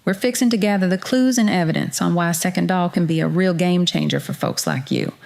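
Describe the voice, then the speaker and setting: A woman's voice: fairly low pitch, big pitch swings, brisk, creaky, a little mellow. A woman with a Southern US accent playing a folksy, no-nonsense detective agency secretary, chatting directly to the listener in scripted noir-style podcast narration. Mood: folksy, inviting. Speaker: podcast host.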